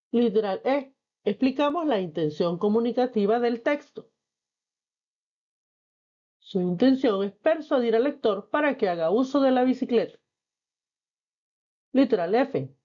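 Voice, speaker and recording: A woman teacher reading and explaining a textbook lesson, patient and clear. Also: a little high, dull audio.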